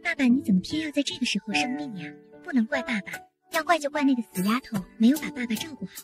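A woman's voice: high voice, animated, fast talker, over music. A woman voicing a scheming young woman who pleads and wheedles in an audio comic story. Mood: pleading.

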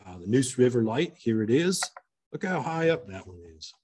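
A male museum curator gives a slide lecture in an auditorium. His voice is husky and sits at a middling pitch. He reads an old article aloud, pausing and restarting as he goes. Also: sing-song, a little mellow. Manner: reads with pauses and restarts, chuckles at anecdotes. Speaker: museum curator giving a talk.

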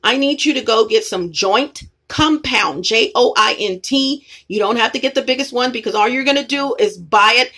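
Talking straight to her audience from an apartment room, a woman rambles and circles back on herself in a casual vlog. Her voice is fairly high and fairly bright, picked up by a phone camera aimed at the ceiling.

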